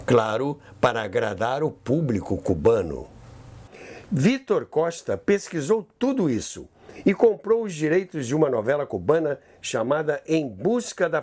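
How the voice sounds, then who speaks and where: With a fairly high, slightly mellow voice, a Brazilian man hosts a radio history podcast, narrating a scripted story theatrically and chatting in asides along the way.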